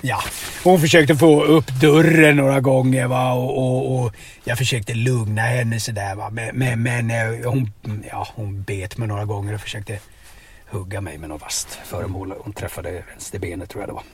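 A man telling absurd stories in a deadpan, rambling way inside a car, tagging his lines with questions. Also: medium pitch, a little hiss or hum. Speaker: comedic storyteller. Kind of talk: deadpan absurd comedy chat.

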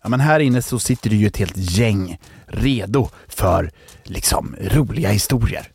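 Playful rambling man with a gravelly voice. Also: fairly low pitch, lively intonation, a little mellow, no echo. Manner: rambling, playful, self-correcting. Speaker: host of a children's bedtime show. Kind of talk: playful storytelling and joke-telling.

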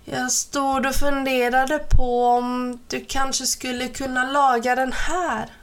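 A woman's voice: high-pitched, level tone, voice pushed up. A woman voicing a kindly, bustling elf mother in a storybook reading. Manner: warm, bustling and hospitable.

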